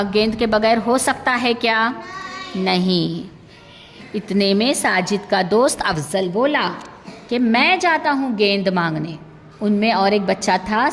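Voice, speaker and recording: A woman's voice: mid-range voice, long reverb tail, slight background noise. A woman teacher telling a story to young children, acting out the characters and asking the class questions. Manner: lively, voices the characters and asks the class questions. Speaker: primary school teacher.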